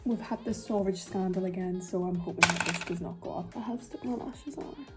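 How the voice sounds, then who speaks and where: A woman's voice: medium pitch, a little fast, over loud music. A young woman with a Geordie accent chatting in a rambling, self-mocking way while doing her makeup for a vlog. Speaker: beauty vlogger.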